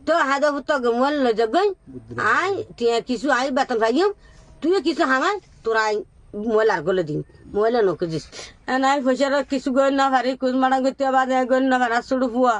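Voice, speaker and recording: High-pitched, plaintive woman recounting her loss. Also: lively intonation, a little fast, no echo. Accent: Chittagong, Bangladesh. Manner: repetitive, plaintive. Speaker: bereaved mother being interviewed. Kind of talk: unscripted personal testimony.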